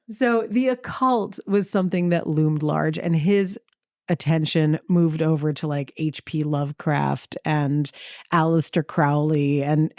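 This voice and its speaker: A woman's voice: sits low, darkish tone, no echo, studio quality. A woman co-hosting a podcast in casual conversation, chatty and given to telling anecdotes. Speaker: podcast co-host.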